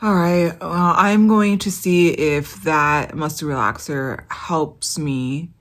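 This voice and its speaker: A woman talking to camera in a casual vlog, soft, tired and halting, with pauses between phrases. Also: sits low, steady tone. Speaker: vlogger.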